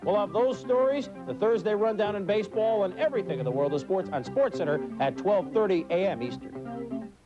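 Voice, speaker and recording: A man's voice: sits high, animated, a little fast. A man reading a scripted sports news teaser as a television announcer. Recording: dull old TV broadcast. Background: music.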